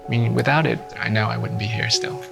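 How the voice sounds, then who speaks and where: Guy in his 30s from vietnam, super gravelly low voice, music under it. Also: fairly even intonation, quick pace. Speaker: cancer patient and doctor. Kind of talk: personal interview.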